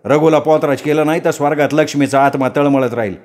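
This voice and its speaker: A man's voice: a little high, fairly even intonation, quick pace, darkish tone, lightly acted. A man doing a scolding devout villager. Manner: scolding, raised and insistent. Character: stubborn devout middle-aged village man. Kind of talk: dramatic storytelling.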